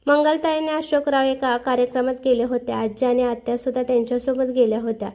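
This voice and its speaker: A woman's voice: high-pitched, fast talker. A woman narrating an emotional family story expressively and voicing all the characters. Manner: expressive, voices every character.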